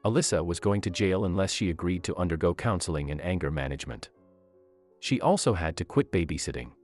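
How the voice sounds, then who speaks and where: A man with a very low, deep voice tells a true-life story in scripted narration. His intonation swings widely as he stresses the turning points, building suspense. Soft music runs faintly underneath. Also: animated, a little fast.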